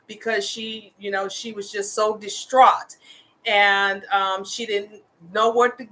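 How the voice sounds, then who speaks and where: A woman in her fifties who advocates for homeless women hosts a casual livestream, speaking with earnest, impassioned conviction. Her medium-pitched voice is flat, slow and sharp in tone, and the recording quality is low.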